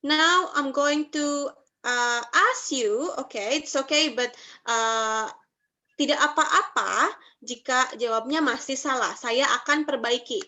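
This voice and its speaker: Slow patient Indonesian woman teacher. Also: sits high, pushed and bright. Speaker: language teacher. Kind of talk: online language class. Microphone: video call.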